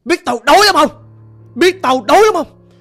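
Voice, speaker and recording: A man's voice: very high voice, expressive, moderate pace, pushed and bright, faint music behind, voice pushed up, full character voice. A man voicing a vicious male spirit possessing an old grandmother, snarling and cursing threats in a storytelling recording.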